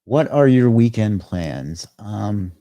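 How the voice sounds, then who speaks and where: A man's voice: lowish voice, expressive, slow pace, dark tone, no room sound. A man hosting a live stream, chatting loosely, rambling and reading out viewer comments as they come in. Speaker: livestream host. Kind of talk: casual live stream chat.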